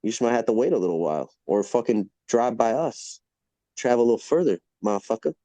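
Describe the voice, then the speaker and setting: A man's voice: mid-range voice, expressive, quick pace, mellow, no room sound. A man hosting a casual podcast, telling stories in a rambling, profane, emphatic way. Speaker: podcast host.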